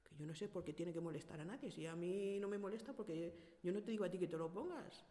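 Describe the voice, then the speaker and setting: A middle-aged woman from Spain speaks with a Spanish accent in a mellow, warm voice. She tells her own story earnestly and directly, voicing the people in it as she goes. The recording carries a long, trailing reverb. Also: lowish voice, fast. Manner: earnest, direct storyteller who acts out past dialogue. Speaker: interviewee. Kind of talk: personal account in casual conversation.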